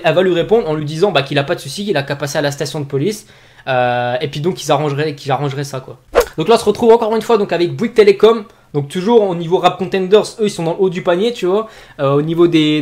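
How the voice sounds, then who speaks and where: A young man hosting a casual comedy commentary, reading tweets aloud in a slangy, animated way. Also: on the high side, quick pace. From France. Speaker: youtuber host.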